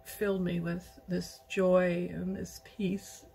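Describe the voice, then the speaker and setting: A middle-aged woman from western Canada telling her personal story in a slow, halting, emotional way, with many pauses and restarts. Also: fairly low pitch, level tone, vocal fry, mellow, slightly rough. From British Columbia, Canada. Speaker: interviewee. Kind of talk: personal testimony.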